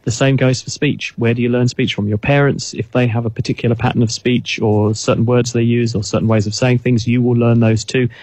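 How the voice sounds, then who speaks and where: A man's voice: mid-range voice, little pitch movement, fairly quick, few pauses, a little mellow, no echo. Man explaining at length. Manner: thoughtful, explanatory, with frequent restarts. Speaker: guest expert. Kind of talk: casual radio chat.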